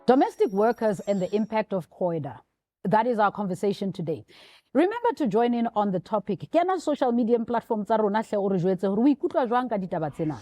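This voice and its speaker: A woman's voice: mid-range voice, expressive, fast, warm tone, soft background music. A woman with a South African Sotho accent, presenting and interviewing as a talk show host.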